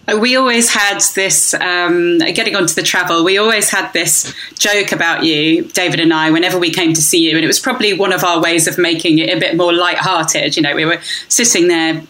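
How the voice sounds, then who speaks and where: A woman's voice: on the low side, steady tone, a little fast, few pauses, bright, forceful tone, rough recording. A woman hosting an interview, asking questions in a friendly, anecdotal way. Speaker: podcast host. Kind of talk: conversational interview.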